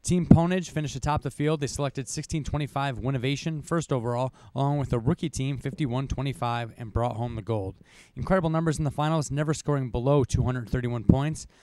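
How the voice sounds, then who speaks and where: A man's voice: medium pitch, fairly even intonation, fairly quick, few pauses, darkish tone, no room sound. Young man recapping results, dry sound. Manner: reads results from notes, coughs, casual asides. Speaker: co-host. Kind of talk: podcast rankings recap.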